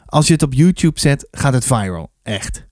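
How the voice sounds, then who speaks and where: Man reading a kids book out loud, lively, dry close mic. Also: mid-range voice, moderate pace, no echo. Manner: lively first-person storytelling. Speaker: storybook reader. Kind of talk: reading a children's book aloud.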